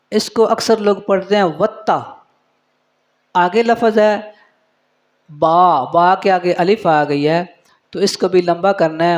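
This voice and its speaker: A man teaching how to recite prayer correctly, explaining mistakes and repeating each word to show the right sound, then chanting verses slowly. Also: sits high, lo-fi sound.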